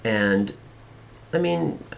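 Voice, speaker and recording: A man with a fairly low voice gives casual, opinionated commentary as a show host. He is earnest and rambles, often halting to restart. There is slight noise behind him. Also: lively intonation, creaky, low-quality recording.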